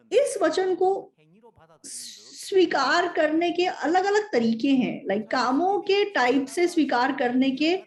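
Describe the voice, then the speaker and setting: A woman's voice: sits high, a little mellow. A woman interpreting a sermon, speaking in an earnest, explanatory way and repeating key phrases.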